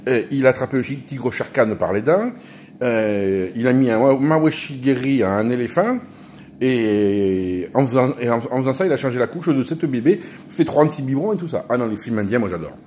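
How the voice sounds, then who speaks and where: A man's voice: medium pitch, lively intonation, brisk, a little mellow, a little hiss or hum. A man, rambling and joking in a casual vlog monologue, often restarting his sentences. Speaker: YouTuber.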